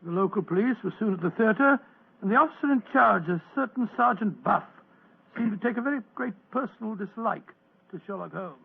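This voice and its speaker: Husky, high-voiced British Doctor Watson. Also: male voice, lively intonation, fairly quick, full character voice. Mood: reminiscing. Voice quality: husky, creaky. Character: anxious, loyal older gentleman doctor and storyteller. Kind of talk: old-time radio drama acting. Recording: tinny old radio recording.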